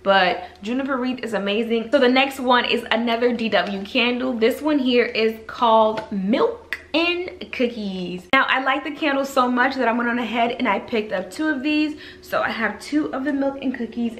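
Gushing with enthusiasm, a twenty-something beauty vlogger shows off candles in a relaxed haul video from her living room. Her voice sits fairly high, with a faint hiss or hum on the recording.

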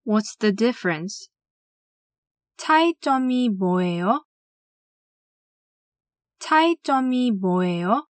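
A woman teaching language, reading classroom phrases slowly and carefully and saying each one twice. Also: medium pitch, animated, no echo, studio quality. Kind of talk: scripted phrase drill.

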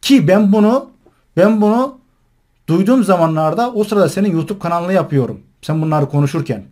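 A man's voice: sits high, expressive, a little fast, a little mellow. A male online host mocking and scolding someone while commenting on a recording he plays. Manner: mocking, scornful and indignant.

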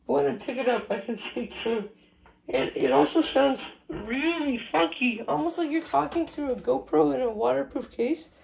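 A woman casually explains a phone system project off the cuff while handling the gear, filmed on a handheld phone camera moving around a small indoor room with a wooden floor. Her voice sits high, creaky and a little mellow, at normal speed, in a rough recording with slight background noise.

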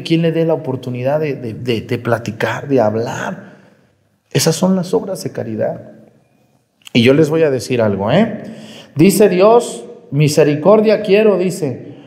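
Priest preaching in a reverberant hall. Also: male voice, medium pitch. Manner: lively, conversational preaching with sudden rises and drops. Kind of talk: homily.

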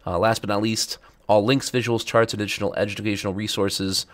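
A middle-aged man hosting a finance podcast, speaking casually with many ums, his voice raspy and a little stuffed up after illness. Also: lowish voice, level tone, brisk, a bit bright. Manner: chatty, many ums and uhs. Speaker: podcast host, financial advisor. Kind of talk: casual educational podcast talk.

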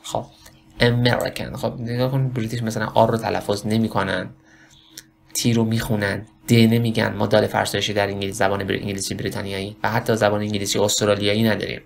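A man with a Persian accent giving a casual spoken lesson on English pronunciation, rambling and correcting himself as he slowly demonstrates words. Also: on the low side, flat delivery, gravelly.

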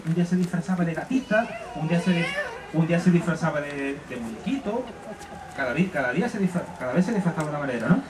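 A man from Spain telling a story to children at a live event, in animated, halting narration full of restarts. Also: high voice. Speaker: storyteller and author. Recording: echoey room from a distance, crowd behind.

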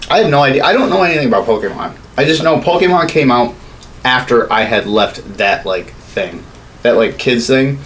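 This thirties-aged podcast co-host has a medium-pitched, fairly bright voice and speaks animatedly and a little fast, offering blunt, profanity-laced opinions in a casual chat. The recording comes from a small home studio through a desk-mounted boom-arm podcast mic, with clearly audible background noise.

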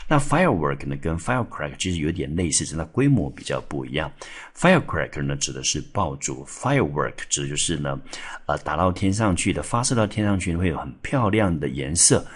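Very low, husky-voiced male teacher. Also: very animated, brisk. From Taiwan. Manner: explains step by step, spells out letters, many filler particles. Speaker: English teacher. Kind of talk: exam-prep vocabulary lesson. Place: school classroom or studio.

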